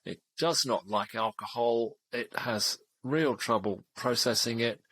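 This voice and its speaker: A man in his seventies co-hosting a podcast, explaining things in a measured way with small hesitations. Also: mid-range voice, sharp tone, breathy edge, no room sound. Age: 70s. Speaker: podcast co-host. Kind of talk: casual podcast chat.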